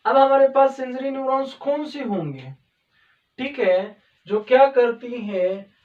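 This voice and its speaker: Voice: sits high, lively intonation. Roomy, distant biology lecturer. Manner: asks rhetorical questions and answers them, repeats "okay" often; slow, step-by-step counting and pointing at a diagram. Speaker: biology teacher. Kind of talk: explanatory video lecture. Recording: dull, roomy sound from a distance from the mic.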